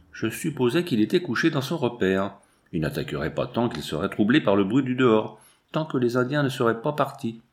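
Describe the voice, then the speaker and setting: A man reads a first-person audiobook narration in a rather low voice. His delivery is measured and holds the tension of the story. He keeps an even storytelling pace throughout. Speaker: audiobook reader.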